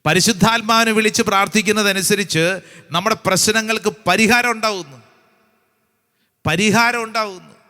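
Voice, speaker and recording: Fervent priest preaching in a reverberant hall. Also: male voice, sits high, bright, forceful tone. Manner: fervent, repetitive exhortation with rhetorical questions; reads scripture slowly and deliberately. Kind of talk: charismatic retreat sermon.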